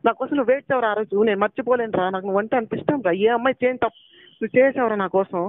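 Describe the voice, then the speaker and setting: A young man in a heated phone argument, pleading and accusing in a rapid, insistent way. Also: extremely high pitch, no room sound. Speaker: jilted boyfriend on a phone call. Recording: tinny phone call recording.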